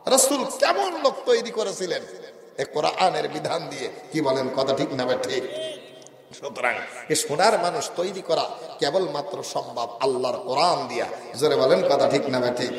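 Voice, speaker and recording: A man from Pabna preaches a sermon and tells a story, chanting and rising to loud calls for the crowd to answer. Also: medium pitch, moderate pace, creaky. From Pabna, Bangladesh. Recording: echoey loudspeaker reverb.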